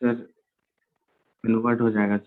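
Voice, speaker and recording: Hesitant male student, flat tinny voice. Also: fairly low pitch, a little slow. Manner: hesitant short replies. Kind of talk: answering in class.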